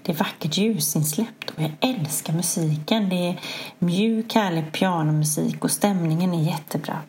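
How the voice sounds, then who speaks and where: A middle-aged woman with a low voice and a gravelly, fry-tinged edge tells a personal story. She speaks in a soft, hushed way and pokes fun at herself. The tone stays candid and conversational. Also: a little hiss or hum. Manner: candid, self-mocking. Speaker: podcast host.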